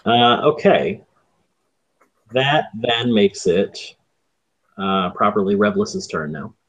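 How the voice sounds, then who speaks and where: A man running a tabletop game as game master, explaining the rules in halting stretches full of ums and restarts. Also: on the low side, fairly bright tone, breathy edge.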